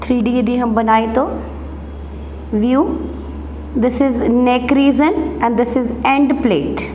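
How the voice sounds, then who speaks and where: A woman biology teacher with an Indian accent giving a classroom lecture. She moves between quick Hindi explanations and slow, deliberate English dictation, and she asks her students questions and answers them herself. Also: a little high, fairly even intonation, a little mellow. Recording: echoey room, faint noise.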